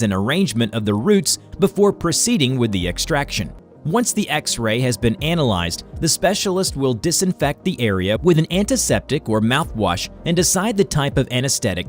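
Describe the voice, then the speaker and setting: A man reading a scripted educational medical explainer in a formal, instructional way. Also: mid-range voice. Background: music.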